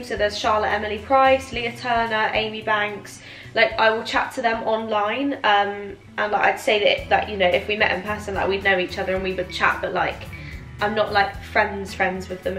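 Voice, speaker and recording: A British woman in her twenties talks casually to her viewers with a giggly, tipsy looseness. Her mid-pitched voice sounds roomy and echoey. Music plays faintly behind her. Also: a bit bright. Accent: British English. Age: 20s. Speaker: vlogger answering viewer questions. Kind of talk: casual chatty Q&A to camera.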